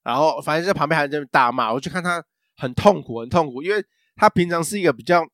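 A man's voice: a little high, lively intonation, quick pace, fairly bright tone, dry recording, clean studio sound. A man, co-hosting a casual podcast chat and telling a rambling story full of fillers and restarts. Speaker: podcast co-host.

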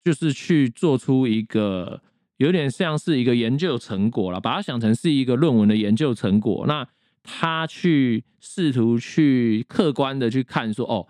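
A man's voice: mid-range voice, a little mellow, no echo. Man with a dry, close sound. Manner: explanatory, thinking aloud with pauses. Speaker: podcast co-host. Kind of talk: casual chat on classical music.

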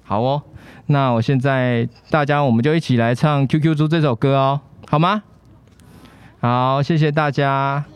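A man's voice: mid-range voice, steady tone, moderate pace, clear, resonant tone. A man hosts a live children's podcast at an outdoor street event, cheerfully coaxing the children with questions. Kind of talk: live podcast chat with a young audience. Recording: live show with loud band music.

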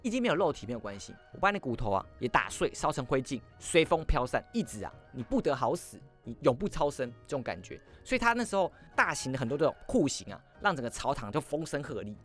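A man hosts a history podcast and tells the story with swooping, animated pitch. His delivery is quick and theatrical. Soft music runs underneath his voice. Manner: lively, acts out quoted lines in shifting voices.

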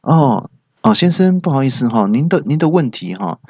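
A man voicing an overly polite male phone company representative, full of soft fillers. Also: mid-range voice, lively intonation, moderate pace, slightly rough, no echo, pitched above the performer's own voice. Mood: fawning. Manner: fawning, hedging with fillers. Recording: dull dry recording.

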